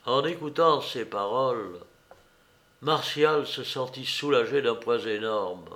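Measured male audiobook narrator. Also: mid-range voice, fairly bright tone. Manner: measured reading, slowing and dropping at phrase ends.

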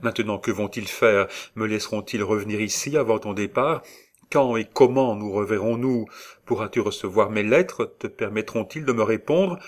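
A man's voice: fairly low pitch, normal speed, natural voice. A man reading a novel aloud, voicing a devoted young woman in an impassioned, eager way. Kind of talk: audiobook reading of a classic novel.

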